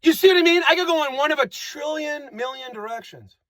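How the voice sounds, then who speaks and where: A man with an extremely high, fairly bright voice delivers a rambling comic monologue a little fast. He repeats phrases and plays with made-up words in a playful way, and the recording is dry.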